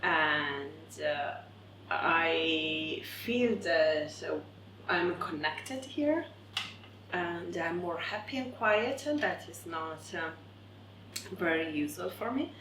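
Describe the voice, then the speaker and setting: Hesitant low-voiced woman, slow. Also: lively intonation. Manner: hesitant, many pauses and fillers. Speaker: interviewee. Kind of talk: casual interview answers. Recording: echoey room with loud background noise.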